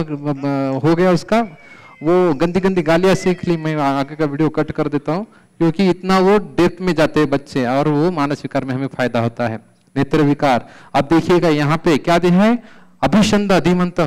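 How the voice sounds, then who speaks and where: A middle-aged man giving an animated conference lecture, telling patient stories and quoting Sanskrit verses. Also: a little high, smooth, poor audio. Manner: animated, mixes English terms and Sanskrit verses. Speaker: Ayurveda lecturer. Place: conference hall.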